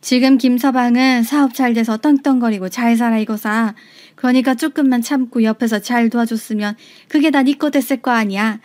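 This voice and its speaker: Lady playing a scheming older mom, low and coaxing. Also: steady tone, normal speed, a little mellow, close to an everyday voice. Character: scheming older mother of the ex-wife.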